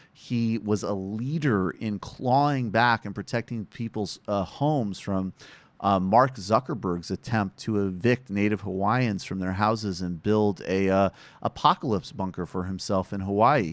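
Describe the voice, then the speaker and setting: A man with a lowish voice talks through political commentary as a podcast host, casual and wry, with the odd restart. The sound is close and dry, with no room around it. He grew up in western Massachusetts. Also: no room sound. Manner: conversational, wry asides, frequent restarts.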